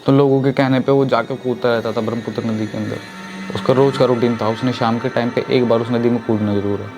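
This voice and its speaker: A man's voice: medium pitch, steady tone, quick pace, music in the background. Chatty male horror storyteller. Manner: chatty, addresses listeners as friends. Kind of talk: casual spoken horror narration.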